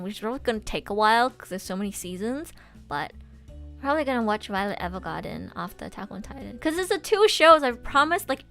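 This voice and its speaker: Young woman, casual livestream chat, bubbly anime-fan talk, medium pitch, recovering from mouth surgery with stitches, music in background. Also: fairly bright tone. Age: young adult. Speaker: livestreamer and voice actor. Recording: music playing behind the voice.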